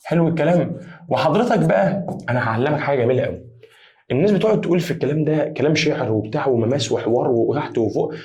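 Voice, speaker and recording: Fast-talking Egyptian math teacher. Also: male voice, mid-range voice, expressive, darkish tone. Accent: Egyptian Arabic. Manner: chatty, addresses students as "ya basha"; repetitive, emphatic. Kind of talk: energetic whiteboard lesson.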